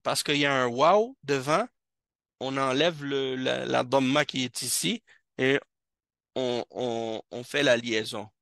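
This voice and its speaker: A patient male teacher giving a classroom language lesson, saying each word again and again at an unhurried pace. His voice is bright and forward. The sound is close and dry, with little room echo. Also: medium pitch, gravelly. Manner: patient, repeats each word several times. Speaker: Arabic teacher. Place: mosque classroom.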